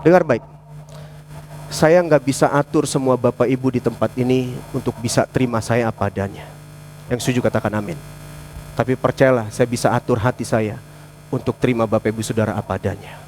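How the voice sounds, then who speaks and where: A man preaching a sermon to a church congregation, animated and often calling for agreement from the crowd. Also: medium pitch, brisk, slight background noise. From Indonesia. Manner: animated preaching, rising loud on points, softening for prayers. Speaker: pastor. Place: church hall.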